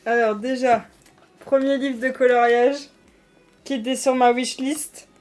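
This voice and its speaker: Soft music plays in the background as a woman on a live stream talks with her chat in a relaxed, warm manner, full of fillers and restarts. Her voice is a little high, stays fairly flat in pitch, and moves at an unhurried pace.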